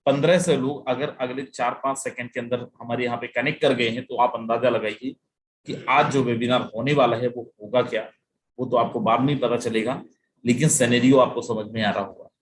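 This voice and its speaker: Male webinar presenter, mid-pitched, punchy rhetorical sales delivery, mixes English into his talk. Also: steady tone, fairly quick, slight background noise. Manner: emphatic, rhetorical questions, mixes English phrases; repeats "my friend" often.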